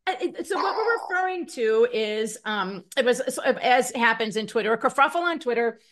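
High-voiced woman radio co-host. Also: lively intonation, fairly bright tone. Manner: brisk, laughing, pointed questioning. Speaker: radio talk show co-host. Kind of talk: casual talk radio interview.

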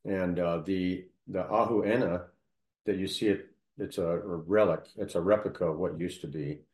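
A man in casual conversation, telling local history at length, halting often with fillers and restarts. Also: low-pitched, steady tone, darkish tone, reverberant.

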